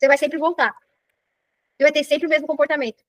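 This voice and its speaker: Rapid-talking high-voiced Brazilian woman coach. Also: no room sound. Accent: Brazilian Portuguese. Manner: animated, keeps checking in with "entendeu?". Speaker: personal development coach. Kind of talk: live online class talk.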